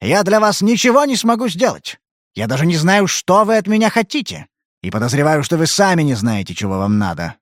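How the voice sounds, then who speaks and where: A man's voice: on the high side, very animated, fairly quick, no room sound, voice pushed up. A hard-bitten detective snaps out curt, blunt lines, as a man reads his part. His tone jumps widely as his temper rises. The sound is close and dry. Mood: angry. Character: gruff, irritable hard-bitten male detective. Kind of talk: audiobook character reading.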